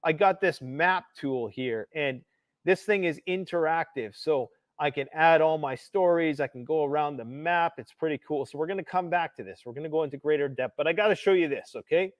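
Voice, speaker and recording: A man's voice: fairly high pitch, a little fast, dry recording. Ranting man hosting a political livestream. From Canada. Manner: ranting, emphatic, sarcastic. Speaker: livestream host.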